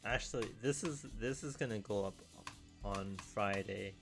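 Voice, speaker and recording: A young man chatting casually to camera in a deadpan, rambling way, often restarting his sentences. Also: fairly low pitch, moderate pace, gravelly, over music. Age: young adult. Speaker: video creator. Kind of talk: casual solo chat.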